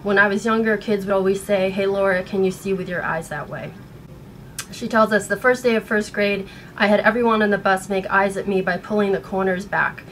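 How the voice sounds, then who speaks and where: Shaken and upset, a U.S. vlogger in her thirties speaks earnestly and haltingly from her small bedroom, partly reading aloud for her personal video blog. Her pitch is medium with fairly even intonation, captured on a rough recording with noticeable background room noise.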